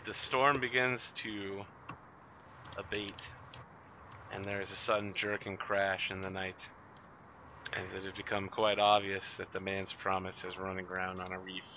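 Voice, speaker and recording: A man's voice: deep voice, level tone, measured pace. A man narrating a tabletop role-playing game as game master. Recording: dull recording, faint noise, clicks.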